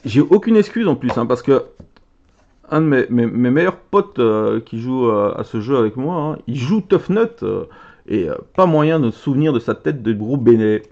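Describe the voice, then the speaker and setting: An excitable, chatty man opening trading cards and reading their names aloud, his voice swooping up and down with animated pitch. The recording is muffled and lo-fi, like a simple home setup. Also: moderate pace. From Belgium. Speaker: card game content creator. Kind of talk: casual card-opening commentary.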